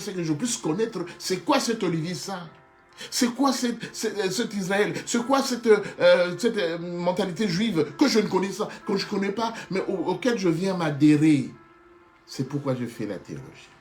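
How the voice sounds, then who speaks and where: A slightly high, somewhat mellow male voice delivers an impassioned sermon, repeatedly addressing the audience as "beloved." He frequently restarts and repeats himself, and Hebrew is not his first language.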